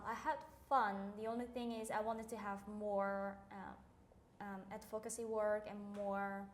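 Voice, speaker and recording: A woman's voice: mid-range voice, roomy sound, slight background noise. A young woman from Cambodia, co-hosting a podcast in casual chat, talking earnestly with many fillers and restarts. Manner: rambling, filler-heavy, earnest. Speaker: podcast co-host.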